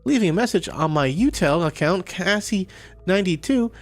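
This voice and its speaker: A man doing a gushing young woman artist in falsetto. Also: lively intonation, normal speed, faint music behind. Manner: gushing, boastful, sing-song falsetto. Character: bubbly self-absorbed young woman artist. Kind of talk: reading game text in a put-on voice.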